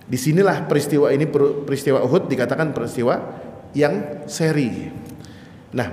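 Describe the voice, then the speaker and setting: A male preacher giving an Islamic study lecture, telling the story with animation and acting out shouted quotes. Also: on the high side. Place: mosque hall. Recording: echoey mosque hall.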